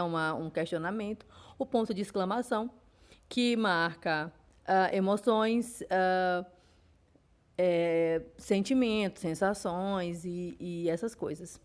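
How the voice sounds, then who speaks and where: Unhurried and fairly low in pitch, a woman with a Brazilian Portuguese accent teaches an online class lecture. She explains patiently, with plenty of fillers and restarts.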